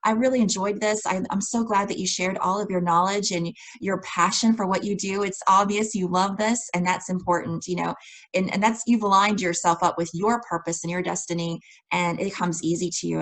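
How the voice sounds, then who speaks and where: A woman's voice: medium pitch, steady tone, fairly quick, low-quality recording. A woman hosting a podcast interview, talking with effusive enthusiasm in a casual chat. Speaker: podcast host.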